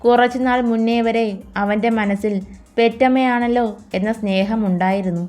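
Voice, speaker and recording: A woman's voice: a little high, fairly even intonation, normal speed, a little mellow, faint music behind. Woman narrating a romance story. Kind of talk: scripted narration of a romance audiobook.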